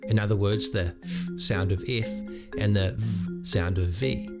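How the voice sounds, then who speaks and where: A man with a New Zealand accent giving clear, lightly wry scripted narration for an explainer video. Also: mid-range voice.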